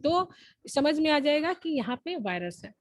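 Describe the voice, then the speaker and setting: A woman with a high, sing-song voice teaches an online class at normal speed, explaining step by step and often asking whether the students follow. The recording is low quality but has no echo.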